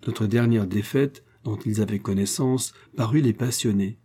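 Man, audiobook narrator, dark mellow tone, breathy, steady measured reading. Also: on the low side.

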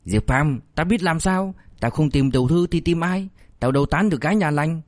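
A man's voice: on the high side, moderate pace, darkish tone, no room sound, voice pushed up, lightly acted. A man voicing a fat, cowardly male buddy who whines, pleads and turns cheeky. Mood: whining pleading.

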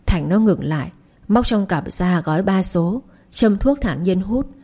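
Woman telling a story, calm even pace, mellow warm voice. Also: mid-range voice, a little slow, slightly rough. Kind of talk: narrating a story.

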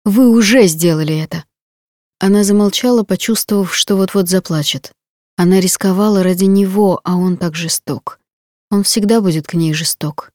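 A woman reading a novel aloud in an even, intimate storytelling manner. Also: mid-range voice, normal speed, no echo, studio quality. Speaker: audiobook narrator. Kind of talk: scripted audiobook narration.

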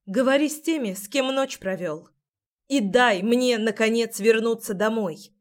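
A feisty young woman with a sharp, indignant tongue, her voice climbing high, as the narrator plays her. She snaps back hard and will not be pushed around. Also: unhurried, close to an everyday voice. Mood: angry.

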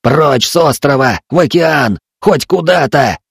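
Man voicing a hoarse old elder shouting orders, high-pitched, dry sound. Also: expressive, measured pace, no echo, full character voice. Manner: urgent commanding shouts. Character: frightened old male island elder.

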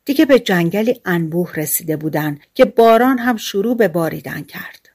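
A woman narrating a fairy-tale audiobook in a calm, measured storytelling manner. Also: on the low side.

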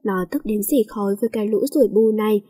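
A woman reading a story aloud in a steady, even way as storyteller. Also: mid-range voice, fast. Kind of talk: scripted story narration.

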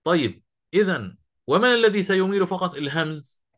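A middle-aged man teaching Quran recitation to a class, quizzing students and slowly quoting verse lines. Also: high-pitched, lively intonation. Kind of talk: classroom lesson.

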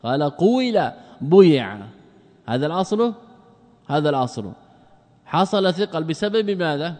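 A man's voice: fairly high pitch, big pitch swings, normal speed, darkish tone. Man teaching grammar in a reverberant hall. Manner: asks rhetorical questions and answers them himself; repeats words and drags out example forms. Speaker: sheikh teaching Arabic grammar. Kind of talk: classical grammar lesson.

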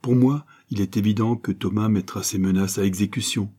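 A man's voice: on the low side, steady tone, fairly quick, warm tone, slightly rough. A man reading a troubled, reasoning father.

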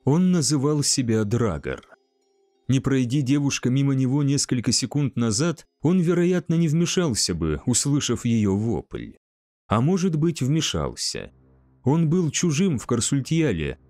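A male narrator reads a fantasy tale in a measured, unhurried manner, with a mellow, dark tone at a middling pitch. Soft music plays faintly underneath him. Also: big pitch swings. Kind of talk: scripted audiobook narration.

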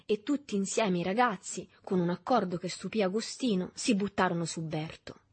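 A woman reading a literary novel aloud in a measured, even storytelling manner. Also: medium pitch, husky. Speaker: audiobook reader. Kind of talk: literary audiobook narration.

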